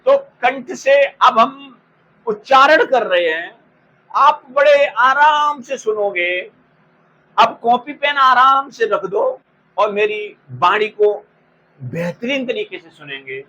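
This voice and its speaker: A man teaching an exam-prep lesson in a bright, high voice, speaking slowly and repeating each term so students can copy it down. He addresses the class with fond terms as he explains. Faint noise runs underneath the recording. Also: animated, muffled recording. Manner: slow, repeats terms for dictation.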